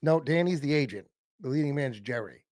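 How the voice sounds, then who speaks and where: A man's voice: mid-range voice, lively intonation, a little fast, a little mellow, faint music behind. A man co-hosting a casual fan podcast about an old TV show, rambling and self-interrupting, laughing often. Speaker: podcast co-host.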